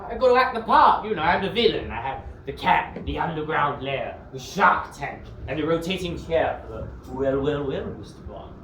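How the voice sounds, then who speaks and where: A pompous supervillain, voiced by a man, all theatrical menace that keeps collapsing into petty squabbles. His voice rises and falls in a lively sweep. It sounds recorded in an echoey room with steady background noise. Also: on the high side, normal speed, hardly any pauses, recorded from a distance. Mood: smug, petulant. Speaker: actor in a sketch.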